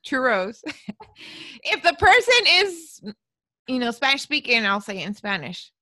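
A woman's voice: high voice, big pitch swings, a little slow, pushed and bright, no echo. A woman speaking frankly in a casual chat, mixing in Spanish words.

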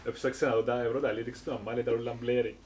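A man's voice: mid-range voice, little pitch movement, background noise. A man with a Cypriot Greek accent co-hosting a show with casual banter. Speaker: co-host.

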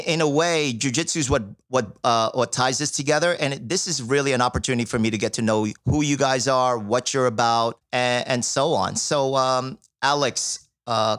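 A man's voice: mid-range voice, fairly bright tone, no echo, clean studio sound. A man from the Philippines hosting a podcast in casual, friendly, rambling talk. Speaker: podcast host.

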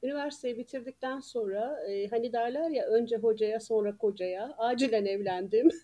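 A woman in her sixties from Ankara, speaking as a guest in a relaxed podcast chat. Her voice is warm and mellow and sits a little high. She tells long personal stories and often laughs between sentences. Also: normal speed. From Ankara, Turkey. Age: 60s. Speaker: guest author and retired teacher. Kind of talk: casual podcast interview.

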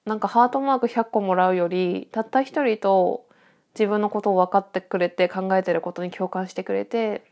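A woman speaks at a medium pitch with a congested, nasal sound, as if her nose is blocked. She chats informally on her own like a podcast host, thinking aloud in a reflective, slightly hesitant way. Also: steady tone, normal speed, a little mellow. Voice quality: stuffy-nosed, nasal voice. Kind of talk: casual solo chat, thinking aloud.

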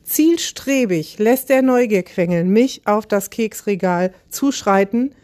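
A woman hosting a podcast, telling a humorous story in a lively, self-mocking way. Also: mid-range voice, takes it slowly. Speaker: podcast host.

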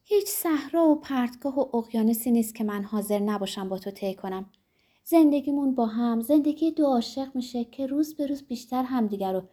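A woman voicing an eager young woman in love, talking in a high, breathless, emotional way. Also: dark tone.

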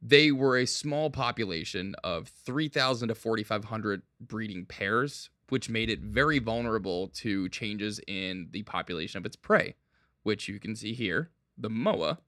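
A man's voice: on the low side, lively intonation, unhurried, bright, forceful tone, no echo, studio quality. Man co-hosting a joking chat show. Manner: joking, leads the facts, converts units. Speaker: podcast co-host. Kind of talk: casual chat.

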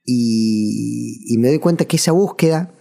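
A man's voice: medium pitch, animated, unhurried, gravelly, mellow, soft background music. An earnest man with a Rioplatense Spanish accent hosts a podcast, giving a reflective motivational monologue as a mentor, asking the listener question after question. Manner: earnest, coaching, asks the listener many questions.

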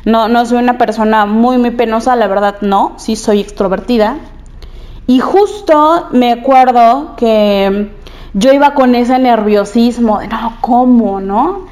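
A woman's voice: fairly high pitch, measured pace, a little mellow. A young woman, telling a personal story candidly and repeating phrases for emphasis.

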